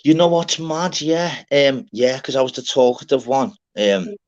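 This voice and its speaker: A man's voice: medium pitch, expressive, normal speed. A man with a Liverpool accent in casual, sweary banter, talking in rambling, repetitive, broken-up sentences. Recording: dull lo-fi audio.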